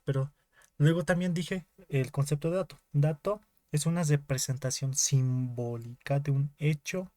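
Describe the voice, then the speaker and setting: A young teaching assistant with a Bolivian Spanish accent teaches an online class in a slightly high, warm voice, recorded dry. He explains in small, repeated steps and frequently checks with the students.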